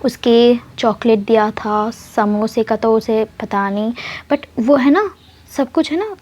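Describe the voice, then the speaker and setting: A woman's voice: a little high, takes it slowly, darkish tone. A woman casually narrating a spoken love story in a chatty way. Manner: chatty, mixing in English words.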